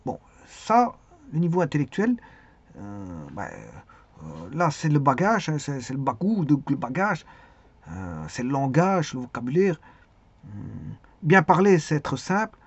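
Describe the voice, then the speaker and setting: A man giving a spoken lesson on speaking skills, hesitant, with many pauses and repeated words. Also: a little high, very animated, husky, no room sound. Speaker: teacher. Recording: dull lo-fi sound.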